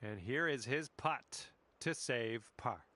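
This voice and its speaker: A man giving calm, casual play-by-play commentary on a round of golf, with quiet low-key asides between shots. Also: slow.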